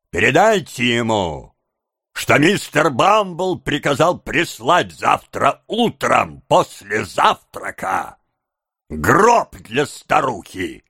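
A man's voice: medium pitch, creaky, sharp tone, breathy edge, no echo, studio quality, full character voice. A man voicing a pompous, stern male parish beadle who blusters with indignation in an audiobook. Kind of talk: audiobook character voice.

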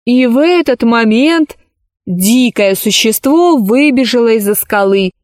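A woman reading a children's science fiction story aloud, slowly and expressively. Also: on the high side, no room sound, studio quality. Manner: slow, deliberate, expressive. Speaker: narrator.

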